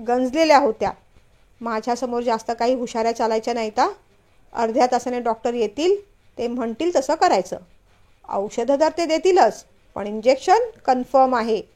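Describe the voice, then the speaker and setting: A woman's voice: fairly high pitch, moderate pace, close to an everyday voice. Woman voicing a stern scolding young husband. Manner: scolding, firm, louder.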